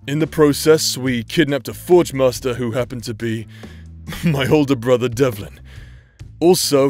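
A man with a medium-pitched, lightly acted voice plays a brash, teasing knight captain who is also a loyal younger brother in an anime-style romance audio drama. He talks in an informal, playfully sarcastic way over background music.

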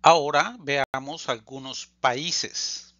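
Guy teaching a lesson super slow, repeats every phrase, dry close mic. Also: fairly high pitch, fairly even intonation, pushed and bright, no room sound, highs cut off. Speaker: Spanish teacher. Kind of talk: slow scripted language lesson.

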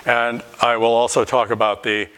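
A man's voice: mid-range voice, little pitch movement, normal speed, a bit bright, smooth. A middle-aged man giving a university lecture in a hall, thinking aloud and often restarting his phrases.

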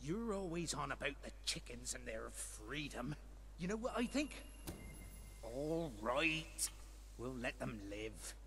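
An actor playing a worried, grudging villager in a video game. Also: male voice, medium pitch, very animated, slow, a bit bright, a little hiss or hum, heavily acted. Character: fretful male villager, wary of chickens.

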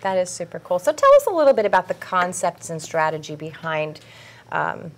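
A woman's voice: lowish voice, big pitch swings, brisk. A woman in her forties presenting an upbeat infomercial interview in an enthusiastic, salesy way, on a lapel mic in a studio. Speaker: host of a promotional interview. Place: small indoor video studio.

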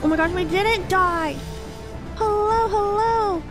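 A high-pitched woman, a streamer and host who is also an English literature teacher, chats casually during a livestream game while game music plays. She takes it slowly but is excitable and flustered, exclaiming and repeating words in panic.

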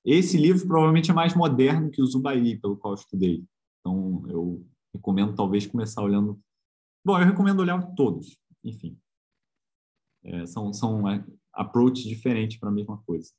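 Man, Brazilian Portuguese accent, physics lecturer, informal online class, somewhat low voice, conversational, hesitant, tag questions. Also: expressive, normal speed, mellow.

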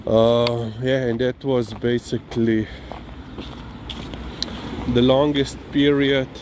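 A mid-range, somewhat dark voice with little pitch movement comes from a Slovenian-accented man vlogging on a walk with his dog-owner's casual rambling. He hesitates and halts often, filling in with "you know." Clearly noisy outdoor ambience and vehicle sounds accompany him.

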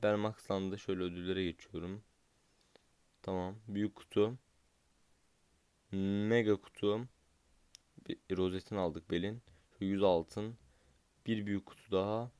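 Young male gaming commentator, impatient and cursing, smooth voice, dry close sound. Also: lowish voice, darkish tone, no echo. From Turkey. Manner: frustrated, impatient, swears at the game. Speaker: gaming YouTuber.

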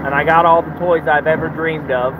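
Holding his phone at arm's length in the truck cab, a thirty-something truck business owner records a loose, rambling, easygoing vlog. His voice is a little high with fairly even intonation, and he talks fairly quickly. The phone audio is narrow and tinny, with engine noise.

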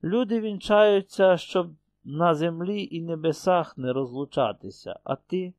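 A proud young village wife speaks sharp and reproachful in a lifted, higher voice, as a male audiobook reader puts her on. The sound is dry and close. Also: a little slow, no room sound, lightly acted. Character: young village beauty, a married woman, sad and proud.

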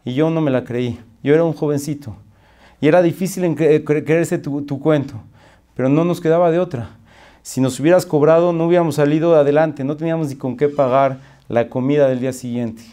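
A man voicing a calm, grateful male business owner who speaks in a measured, soothing way. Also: on the high side, lightly acted. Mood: heartfelt.

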